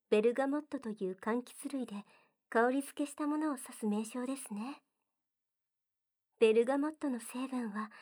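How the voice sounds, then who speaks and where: A woman voicing a gentle, devoted young maid in an ASMR roleplay, speaking softly and very formally, often in a whisper. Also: sits high. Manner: soft-spoken, very formal polite speech, often whispered.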